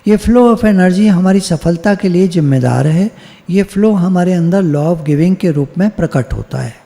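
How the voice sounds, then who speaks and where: An older man speaks as a spiritual teacher in a relaxed, conversational devotional talk, his voice mellow yet pitched a little high. He drives points home by repeating phrases. A long, hall-like reverb trails behind every word. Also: a little slow, gravelly. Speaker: spiritual teacher leading satsang. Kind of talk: informal devotional talk at an online meeting.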